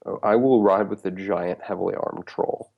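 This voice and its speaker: Low, gravelly male player, rambling and unsure of himself, call mic. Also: steady tone, normal speed, lo-fi sound. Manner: rambling and self-deprecating, many fillers and laughs. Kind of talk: casual tabletop game chat.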